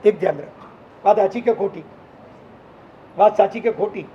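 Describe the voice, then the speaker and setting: High-voiced man preaching a sermon. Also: moderate pace, dark tone, muffled recording, a little hiss or hum. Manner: emphatic, acts out the people in his stories. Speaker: Jain monk preacher. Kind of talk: sermon with storytelling.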